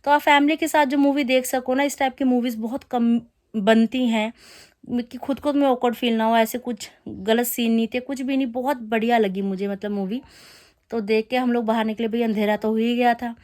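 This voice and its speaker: A woman's voice: a little high, steady tone, moderate pace, a little mellow. A woman in her thirties chatting through a family vlog, telling the day's story with teasing complaints. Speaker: family vlogger. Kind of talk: casual vlog narration.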